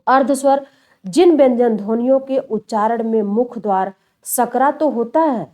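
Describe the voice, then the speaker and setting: Female teacher, slightly high voice, mellow and dark, patient repeating explainer. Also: unhurried. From India. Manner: explains step by step and repeats key terms, addressing students as children. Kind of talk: classroom lecture.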